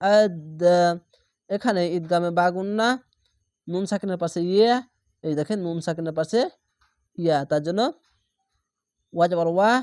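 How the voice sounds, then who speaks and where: A man teaching Quran reading, spelling each word letter by letter and then stretching out the whole word slowly. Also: sits high, darkish tone, dry recording, studio quality. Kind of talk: spelling-out recitation lesson.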